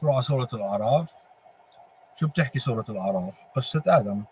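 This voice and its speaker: A man with a Palestinian Arabic accent giving an informal religious monologue, halting and posing emphatic rhetorical questions. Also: medium pitch, animated, darkish tone. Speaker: religious speaker. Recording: clearly noisy ambient background.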